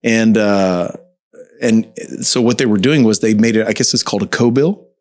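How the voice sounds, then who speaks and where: A man who is a singer, a guest in an interview, telling stories in a lively, laughing way. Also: on the low side, normal speed. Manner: animated storyteller, laughs often. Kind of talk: casual interview storytelling.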